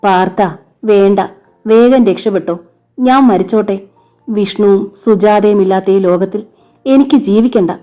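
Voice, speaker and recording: A woman's voice: medium pitch, slow, dark tone, dull audio, lightly acted. A woman voicing a grieving mother who sobs and pleads. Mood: pleading. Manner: sobbing, pleading.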